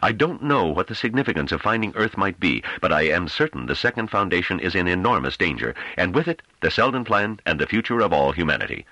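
A man reading an audiobook, voicing a male councillor who argues in a grave, measured and sardonic way. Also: low-pitched, very animated, bright, forceful tone, no echo, muffled recording, voice pushed up, heavily acted. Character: calm sardonic male councillor defending himself.

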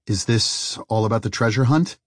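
A man's voice: medium pitch, normal speed, no echo, studio quality, close to an everyday voice. A man voicing a curious, anxious young man who keeps asking questions. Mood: puzzled.

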